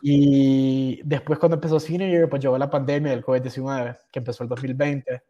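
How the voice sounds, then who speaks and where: A man's voice: mid-range voice, level tone, fairly quick, dark tone, highs cut off. A young man from Honduras with a Honduran accent, casually telling stories about his school years in a slangy, self-mocking way, dropping English words in. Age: young adult. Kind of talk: casual storytelling.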